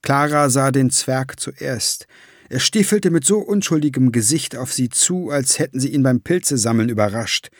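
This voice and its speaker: A man reading an audiobook in slow, measured scripted narration. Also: mid-range voice, animated, no room sound, clean studio sound.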